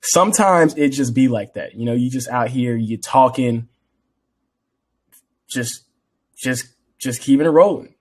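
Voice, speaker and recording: A young man co-hosting a podcast, chatting casually and acting out bits of stories with lively swings in voice. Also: medium pitch, unhurried, pauses often, slightly rough. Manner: animated storytelling, acts out quotes. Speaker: podcast co-host. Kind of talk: casual chat.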